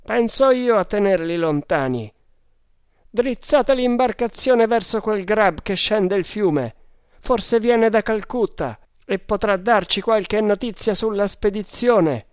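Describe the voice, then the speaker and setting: A man's voice: sits high, animated, takes it slowly, clean tone, no room sound, clean studio sound, voice pushed up. A man voicing a bold, fearless Indian leader who barks terse orders in a raised voice. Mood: commanding.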